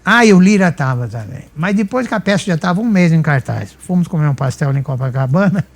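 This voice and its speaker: A man's voice: a little high, a little fast. An older man with a São Paulo countryside accent, a humorist guest telling anecdotes and acting out the dialogue. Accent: São Paulo countryside (caipira). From Brazil. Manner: lively storyteller acting out dialogue. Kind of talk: anecdotal storytelling.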